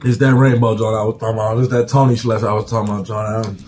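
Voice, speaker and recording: Mellow young American man chatting. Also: on the low side, level tone, quick pace, a little hiss or hum. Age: young adult. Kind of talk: casual chat over a meal. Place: small room at home. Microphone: camera at table's length.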